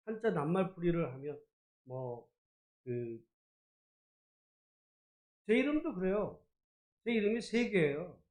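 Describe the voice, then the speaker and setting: High-voiced pastor preaching in an echoey hall. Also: male voice, very animated, takes it slowly, long pauses. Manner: conversational preaching with rhetorical questions, swings from soft to loud. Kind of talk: sermon. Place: church sanctuary.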